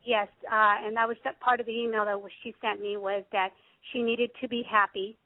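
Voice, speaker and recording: Woman guest, earnest and halting, dry tinny phone sound. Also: mid-range voice, little pitch movement, no room sound. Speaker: guest on a radio show.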